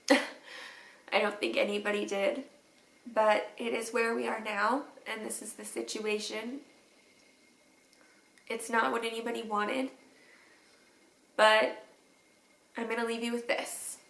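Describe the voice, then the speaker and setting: A woman teacher crying through a tender, halting video message to her students, with sniffles and teary laughs. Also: a little high, steady tone, vocal fry, a bit bright, echoey room, rough recording. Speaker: third grade teacher.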